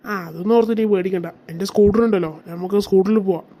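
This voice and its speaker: Someone doing a grumbling cartoon husband, dark voice. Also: male voice, high voice, fairly even intonation, racing. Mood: nagging. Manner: exasperated, grumbling, sarcastic. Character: exasperated middle-aged husband, Moosakka. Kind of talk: cartoon voice acting.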